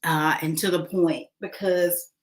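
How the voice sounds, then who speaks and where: A woman's voice: fairly low pitch, fairly even intonation, slow. A woman vlogging casually, chatting with many fillers while she eats a snack. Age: adult, mother of a son. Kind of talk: casual eating and talking vlog.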